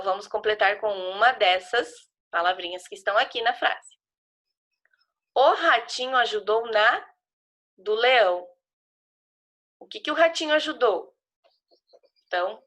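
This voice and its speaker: A woman's voice: on the high side, expressive, brisk, a bit bright. A woman teacher with a Brazilian Portuguese accent, patiently walking young children through a worksheet and spelling out syllables. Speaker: primary school teacher. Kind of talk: remote class explaining a worksheet to children.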